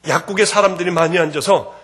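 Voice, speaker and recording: Middle-aged man, slightly high husky voice, fervent church testimony that drops to a hush and surges loud. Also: quick pace. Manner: fervent, swinging between hushed and loud. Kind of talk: emotional spoken testimony.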